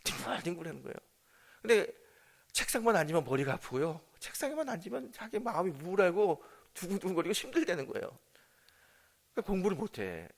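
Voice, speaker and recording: A man's voice: high-pitched, quick pace, gravelly. Guy pastor preaching, storytelling mode, acts out the dialogue, keeps asking the congregation stuff. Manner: lively storytelling, acting out family dialogue; addresses the congregation with questions. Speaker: senior pastor. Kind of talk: sermon with storytelling.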